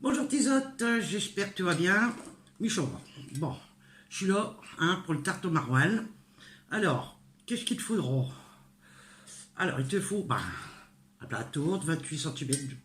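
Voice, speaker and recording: Speaking to the viewer in a fairly low, fairly bright, expressive voice, an older northern French woman demonstrates home cooking unhurriedly, pausing often and filling gaps with hesitations. Her kitchen echoes with the clatter of dishes, pots and cutlery.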